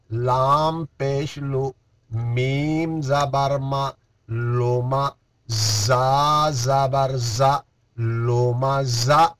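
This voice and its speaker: A man teaching Quran reading, spelling out each letter and vowel mark, then blending them into words, with quick soft asides between drills. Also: medium pitch. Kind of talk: slow syllable-by-syllable recitation lesson.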